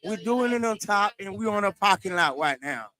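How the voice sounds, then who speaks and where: Hosting a laid-back live chat with shout-outs from a parking lot by the beach, a man speaks in a high, expressive, bright voice with a forceful edge. His pace is moderate, and he tends to repeat phrases and drop into Spanish at times.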